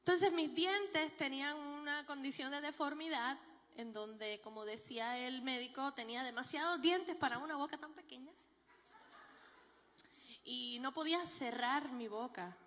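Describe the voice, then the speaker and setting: Woman, fairly high voice, gives a playful church testimony; long reverb, slightly dull sound. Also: moderate pace. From Puerto Rico. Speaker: guest speaker giving a testimony. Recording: dull, echoey large hall.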